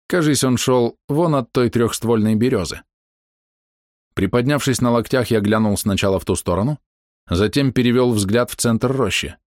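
A man reading a first-person fantasy audiobook in a lively, expressive way. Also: on the low side, no echo, studio quality. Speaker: audiobook narrator.

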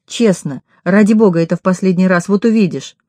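A woman's voice: lowish voice, a little fast, dark tone, dry recording, clean studio sound, lightly acted. A woman reading an audiobook voices a desperate young woman who pleads tearfully. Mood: pleading, desperate.

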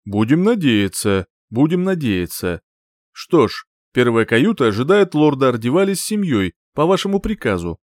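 A man reading an audiobook, voicing a brisk, courteous older sea captain who reports in a formal way. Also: medium pitch, sing-song, no echo, studio quality, close to an everyday voice. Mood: cautious.

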